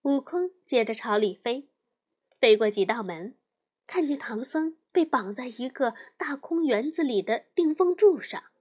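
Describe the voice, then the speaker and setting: A woman narrating a children's story in an expressive, storytelling manner. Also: high voice, breathy edge. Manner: slow, lively, expressive.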